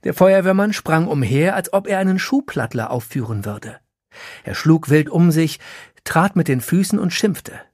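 A narrator reading a humorous story aloud in a lively storytelling manner. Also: medium pitch, normal speed, breathy edge, no room sound, studio quality. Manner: lively storytelling, acts out quotes. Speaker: audiobook narrator.

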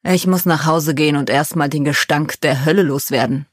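A woman voicing a calm, teasing demon-like man in a lower, softer voice for a German audiobook. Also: normal speed, dry recording, clean studio sound. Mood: amused.

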